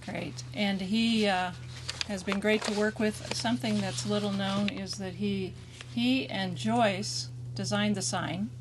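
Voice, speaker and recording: A woman's voice: mid-range voice, steady tone, takes it slowly. Woman emceeing an outdoor ceremony. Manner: casual, with fillers. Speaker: board member emceeing a dedication ceremony. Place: outdoor county park. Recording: noisy outdoor recording.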